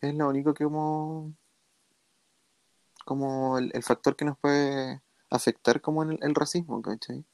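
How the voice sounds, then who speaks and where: A young man with a Chilean accent, co-hosting a casual podcast, animated and slangy as he tells stories. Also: a little high, unhurried, vocal fry, no room sound. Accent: Chilean Spanish. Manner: animated, acts out quotes, slangy. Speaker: podcast co-host. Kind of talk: casual storytelling chat.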